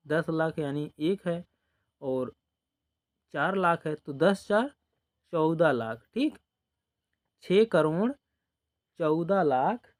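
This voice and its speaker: A man's voice: a little high, darkish tone. A man teaching a basic number-system lesson step by step, patiently repeating numbers and often saying "dekhiye" and "ok". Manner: explains patiently, repeats numbers, drawn-out counting. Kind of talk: slow step-by-step classroom teaching.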